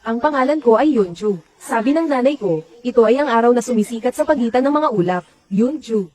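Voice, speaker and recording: A woman's voice: fairly high pitch, expressive, fairly quick, mellow, no echo, rough recording. A woman voicing every character of a dubbed drama in one plain voice.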